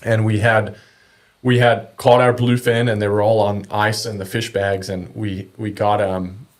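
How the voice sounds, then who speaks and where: A man's voice: on the low side, level tone, a little slow. A man chatting casually and telling anecdotes in laid-back, slangy talk as a podcast guest. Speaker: podcast guest, kayak angler.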